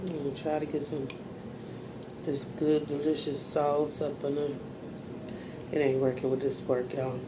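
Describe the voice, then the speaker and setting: Female mukbang host, American, unhurried folksy chat between mouthfuls, clearly noisy recording. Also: deep voice, flat delivery. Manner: folksy, informal, talking between bites with savoring hums. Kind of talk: casual mukbang chat while eating.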